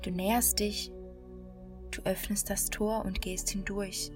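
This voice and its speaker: Langsame, hypnotisch ruhige Frauenstimme, geführte Meditation. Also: female voice, medium pitch. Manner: slow, calm, soothing hypnotist-like delivery with long pauses. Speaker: meditation guide. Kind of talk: guided meditation, slow hypnotic countdown. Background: new-age music.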